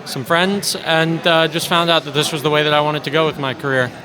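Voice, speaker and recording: A man's voice: on the high side, steady tone, brisk, crowd noise. A young man from New Jersey answering interview questions as a cadet, hesitant with many fillers. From Freehold, New Jersey. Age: young adult. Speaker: college cadet.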